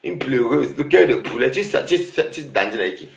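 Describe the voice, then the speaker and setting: A man's voice: medium pitch, lively intonation, a little fast, gravelly, echoey room, lo-fi sound. Mocking man ranting on a livestream. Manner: mocking, repetitive, laughing. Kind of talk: taunting livestream rant.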